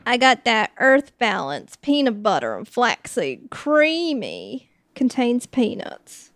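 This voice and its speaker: A woman's voice: on the high side, big pitch swings, takes it slowly, a bit bright, a little hiss or hum. A young woman and podcast host, chatting in a rambling, self-deprecating way while she cooks and talks about editing. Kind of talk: casual cooking vlog narration.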